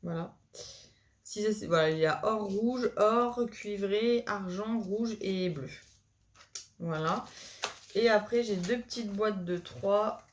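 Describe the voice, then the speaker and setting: A woman's voice: mid-range voice, slow. A woman vlogger chatting casually about her new coloring supplies, hesitant and full of fillers and restarts. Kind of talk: casual chat to camera.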